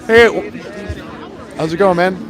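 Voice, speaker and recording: Hosting a laid-back livestream at a street protest outdoors, a high-pitched man speaks at a measured pace. He chats warmly with people and brings strangers on stream, with the crowd and music audible behind him.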